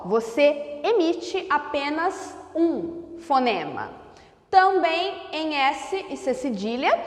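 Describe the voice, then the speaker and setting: A woman teacher, explaining a lesson slowly and deliberately and spelling out sounds and syllables. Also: high voice. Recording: echoey room with long reverb.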